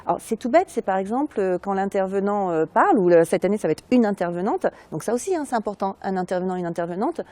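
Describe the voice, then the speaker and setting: A woman sociologist, explaining her research in an interview, pausing often with fillers and restarts. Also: medium pitch, lively intonation, darkish tone, dry recording. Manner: hesitant, many fillers and restarts.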